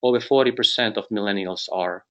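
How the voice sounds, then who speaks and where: A middle-aged Finnish company president with a Finnish accent presents a business webinar, his fairly low voice moving briskly. He speaks carefully, with restarts and touches of light humor, and the recording sounds muffled.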